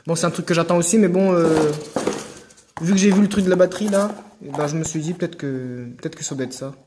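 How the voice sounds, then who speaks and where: Male vlogger, slightly high voice, rambling and hesitant, faint background noise. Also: fast. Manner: hesitant, many fillers and restarts, joking asides. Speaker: unboxing video host. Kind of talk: casual unboxing commentary.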